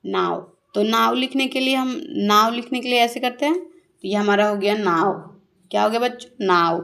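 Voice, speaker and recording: A woman's voice: on the high side, fairly bright tone. Woman teaching shorthand, questioning pupils. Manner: asks questions and answers them herself; repeats key words slowly for pupils. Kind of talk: classroom-style shorthand lesson.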